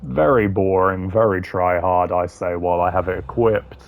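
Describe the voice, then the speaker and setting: A man with a low voice speaks at a moderate pace, and the phone-quality audio carries a little hiss or hum. As a gaming video creator, he ranks game voice lines in casual, opinionated commentary that's blunt, informal and full of slang.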